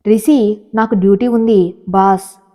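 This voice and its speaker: A woman's voice: medium pitch, fairly even intonation, a little slow, warm tone, close to an everyday voice. A woman voicing a fragile, apologetic young female clerk who speaks timidly. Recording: long hall reverb.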